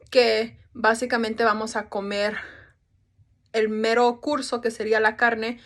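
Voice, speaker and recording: A woman's voice: on the high side, fairly bright tone. A young woman explaining a topic in a class presentation, casual, with restarts and English fillers. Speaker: student presenter.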